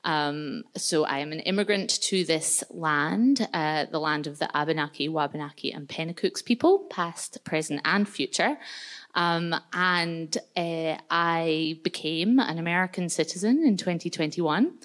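A woman's voice: low-pitched, a little slow, a bit bright. A Scottish woman in her thirties presenting a workshop, chatting casually with lots of fillers into a handheld mic in a large community hall. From Scotland. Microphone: handheld microphone.

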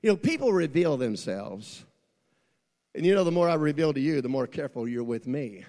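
A middle-aged male pastor preaching a folksy sermon, swinging from quiet asides to shouting, recorded in a church. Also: fairly high pitch, lively intonation, a little fast. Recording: long church reverb.

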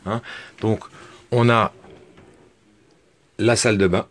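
A man's voice: lowish voice, fairly even intonation, slow. A man hosting a casual interview and walkthrough at a camper van show stand, chatty and reassuring, speaking straight to viewers. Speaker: show host.

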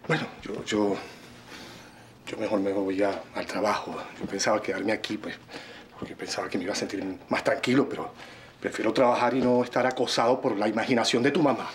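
A man's voice: fairly low pitch, steady tone, brisk, a little hiss or hum, lightly acted. A man playing a defensive, agitated father. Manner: agitated, defensive, repeats denials. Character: stressed father fretting over his son. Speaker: father Julio de Jesús. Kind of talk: telenovela acting.

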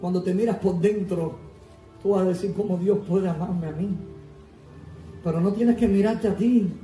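Fervent preaching man with shouting bursts. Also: high voice, moderate pace, roomy sound, distant mic, soft background music, poor audio. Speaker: pastor. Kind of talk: sermon.

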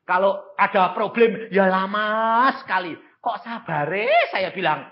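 A man's voice: high voice, unhurried, lo-fi sound. An elderly man around eighty with a Javanese accent, preaching a sermon in an emphatic, folksy way and speaking straight to his congregation. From Central Java, Indonesia. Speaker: evangelist preacher.

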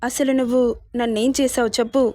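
A woman's voice: sits high, flat delivery, quick pace, a little mellow, dry recording, natural voice. A woman voicing a young woman betrayed by her sister and brother-in-law, speaking in a pleading, outraged way. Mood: distressed.

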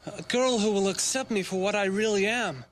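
A young man playing a timid, dog-like young man who speaks haltingly and eagerly. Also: high voice, a little hiss or hum, natural voice. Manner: halting, hesitant, eager to please.

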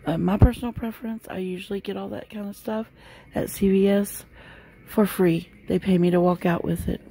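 This middle-aged woman has a mid-range, dark voice with vocal fry, and she talks at normal speed with fairly even intonation. Holding a phone camera, she vlogs a walk through a large discount store, chatting loosely with lots of fillers.

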